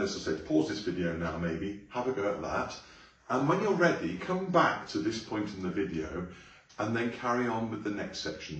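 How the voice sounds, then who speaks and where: A man teaching a song to a class, explaining phrases and then singing them slowly. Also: far from the mic, muffled recording. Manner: encouraging, sings lines slowly and high, then explains. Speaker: music teacher. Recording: very roomy, from away from the mic.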